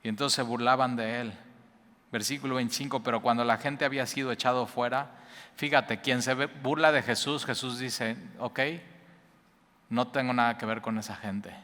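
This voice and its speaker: A man, preaching a lively conversational sermon that speaks straight to his listeners with asides. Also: mid-range voice, moderate pace. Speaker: pastor. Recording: reverberant hall.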